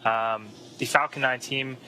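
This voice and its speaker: A man giving live, explanatory launch commentary in an informative, measured way with frequent pauses. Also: mid-range voice, fairly even intonation, bright, forceful tone, poor audio. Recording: faint background noise.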